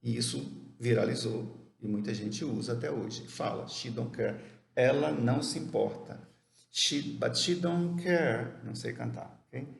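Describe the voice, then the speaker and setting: Gravelly-voiced man teaching grammar in an echoey room. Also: mid-range voice, a little mellow. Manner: explains step by step, asks and answers his own questions; reads English examples slowly and carefully. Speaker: English teacher. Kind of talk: grammar lesson. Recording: echoey room with faint background noise.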